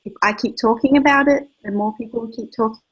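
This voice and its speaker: A woman's voice: on the high side, quick pace, slightly rough, low-quality recording. A woman writer with an Australian accent speaking on a panel, reflective and a little hesitant. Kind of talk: panel discussion.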